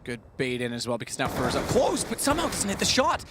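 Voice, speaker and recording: A man's voice: mid-range voice, wildly swooping pitch, quick pace. A man giving play-by-play commentary as an esports caster, with game noise behind his voice.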